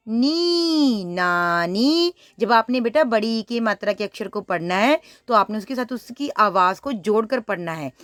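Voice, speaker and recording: A woman teaching a first-grade reading lesson, saying each word slowly and twice, then explaining to the child with questions. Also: mid-range voice, fairly bright tone, no room sound, clean studio sound. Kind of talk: primary school reading lesson.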